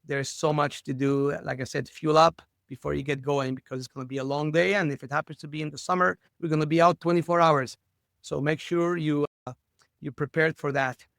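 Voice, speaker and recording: Guest: upbeat middle-aged man, slightly high voice, dry close sound, video call. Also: fairly even intonation, a little fast, gravelly, fairly bright tone, dry recording. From Lebanon. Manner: cheerful and joking. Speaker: school superintendent, guest. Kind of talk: casual interview chat.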